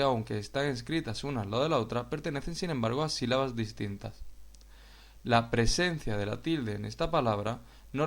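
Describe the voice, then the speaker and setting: Speaking straight to the camera, a Spanish-accented teacher from Spain walks through a grammar point at an unhurried, patient pace. His voice sits at a middling pitch and has a rough, creaky, gravelly quality.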